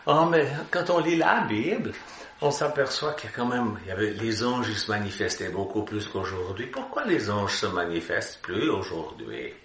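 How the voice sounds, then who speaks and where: A man voicing an earnest churchgoer in a mock Swiss French accent, low and soft, in a roomy space. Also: sing-song, moderate pace, slight background noise. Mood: pious musing. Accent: Swiss French, put on. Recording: roomy hall echo.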